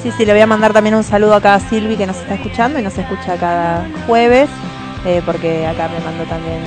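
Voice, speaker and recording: A woman's voice: medium pitch, steady tone, fast, music in the background. A woman with an Argentine accent chatting casually as the co-host of a show. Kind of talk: casual chat.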